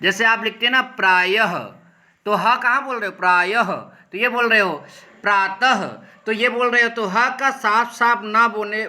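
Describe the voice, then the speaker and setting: A man teaching Hindi grammar, explaining step by step, often checking in with the class and slowing down to sound out individual letters. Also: sits high, sharp tone. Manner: repetitive, checks in with "ठीक है" often. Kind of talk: explaining a lesson over slides.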